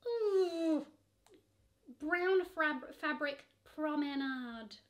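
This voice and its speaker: Her words are drawn out and her voice pitched high. She's a young woman from England, a fashion vlogger seated at her camera in a bedroom with shoe-filled shelves, chatting sassily and gushingly about luxury online buys and referring to each bag as "she."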